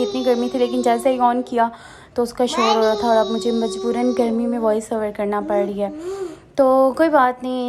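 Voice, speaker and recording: A young woman, chatting casually through a home cooking vlog voice-over, with asides and fillers. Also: fairly high pitch. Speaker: vlogger. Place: hot room at home, fan switched off.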